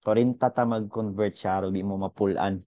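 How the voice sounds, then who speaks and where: A young man teaching a casual online physics lesson. His voice sits a little low and sounds mellow and warm, recorded dry and close. He talks in a chatty way, thinking aloud with fillers. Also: steady tone, fairly quick, no echo, dull audio.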